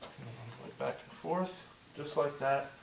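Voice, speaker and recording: Unhurried and encouraging, an instructor with a mid-range voice teaches a movement drill step by step, repeating "just like that" and "good." He sounds slightly hoarse, short of breath, and like he's losing his voice, captured by a distant mic in a roomy space with a noisy background.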